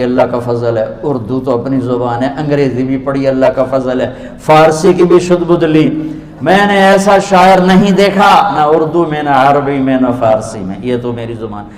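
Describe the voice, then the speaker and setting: A man preaching a sermon to a live audience, telling a story emphatically with sudden rises and drops in loudness. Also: mid-range voice. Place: large hall with a live audience. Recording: echoey hall reverb.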